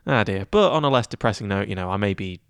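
Rambling young man, smooth low voice. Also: expressive, fast talker, fairly bright tone, no room sound, studio quality. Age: young adult. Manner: rambling, many fillers and restarts. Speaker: guest, student head of news. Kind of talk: casual interview chat.

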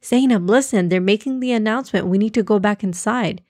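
A woman's voice: medium pitch, brisk, a little mellow, dry recording, clean studio sound, lightly acted. A woman voicing a patient young boy who explains things earnestly in a children's storybook. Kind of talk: storybook reading.

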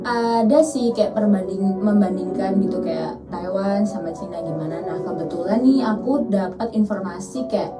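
A woman's voice: medium pitch, normal speed, few pauses. Woman, 20s, friendly student guest who laughs a lot; distant mic, heavy music bed. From Indonesia. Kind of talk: casual podcast interview.

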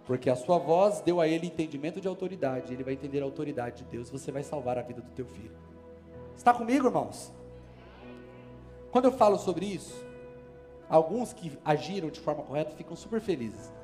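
Brazilian pastor, male, higher-pitched, forceful emphatic sermon delivery, soft music underneath. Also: lively intonation, a little fast. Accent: Brazilian Portuguese. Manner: emphatic, preaching with rising force and sudden calls. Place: church service.

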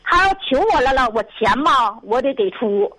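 A woman's voice: high voice, animated, moderate pace, pushed and bright, rough recording. A middle-aged woman with a Northeastern Mandarin accent calling an advice show, sighing and rambling in exasperation. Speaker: caller. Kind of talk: call-in conversation.

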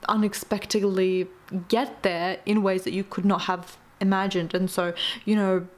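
A woman's voice: mid-range voice, little pitch movement, measured pace, darkish tone. Chatty, earnest young woman podcaster. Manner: chatty, earnest, addresses listeners as "you guys". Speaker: podcast host. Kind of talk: motivational solo podcast talk.

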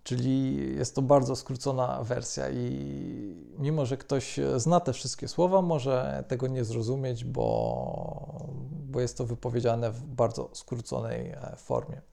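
A man teaching French grammar, speaking in a measured way with frequent hesitations. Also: mid-range voice, expressive, creaky, warm tone. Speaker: language teacher. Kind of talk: explanatory lesson.

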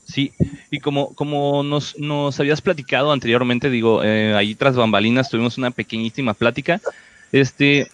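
A man's voice: medium pitch, steady tone, normal speed, fairly bright tone. A man with a Mexican accent hosting a casual talk show in a courteous, informal way. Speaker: host.

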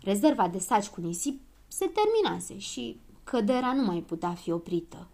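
A woman narrating a children's story in a lively, expressive reading. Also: mid-range voice, creaky.

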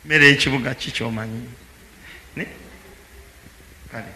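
Lively preacher man, bright voice. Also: medium pitch, normal speed. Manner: lively, teasing, calls out to the congregation. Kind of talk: sermon with live interpreter. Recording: echoey hall with faint background noise.

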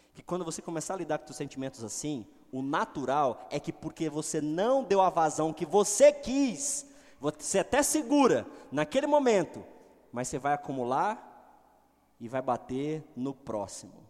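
Animated preaching man in a reverberant hall. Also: normal speed. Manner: animated, swings between loud exclamations and low asides. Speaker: pastor. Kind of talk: sermon.

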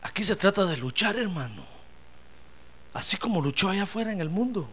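A man preaching a sermon, telling comic stories and breaking into loud shouts of praise. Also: sits high, expressive, a little fast, husky. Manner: comic storytelling, bursts into shouting.

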